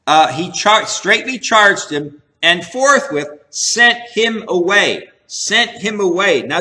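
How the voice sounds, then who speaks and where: A man's voice: sits high, sharp tone. A man giving expository Bible teaching, earnest and emphatic, often repeating and restarting his phrases.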